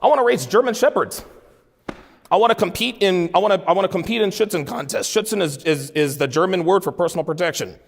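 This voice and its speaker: A forties-aged man speaks quickly in a high, gravelly voice, delivering a profane, no-nonsense motivational keynote to a live conference audience. He pounds his points with repetition, and the sound carries the echo of a large hall.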